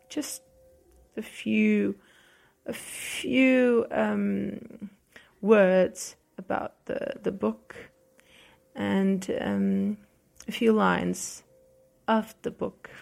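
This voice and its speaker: Over soft music, a podcast host who speaks Portuguese natively reads out book recommendations, hesitating, using fillers, and restarting often. Her mid-range voice carries some vocal fry.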